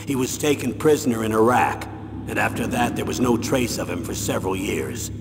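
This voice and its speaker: An actor playing a stern, insistent veteran colonel with a gravelly voice, giving an authoritative military mission briefing in a video game. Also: male voice, lowish voice, lively intonation, noisy background. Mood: grave, informative. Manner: measured, authoritative briefing delivery. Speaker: commanding officer. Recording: long reverb, music behind. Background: music.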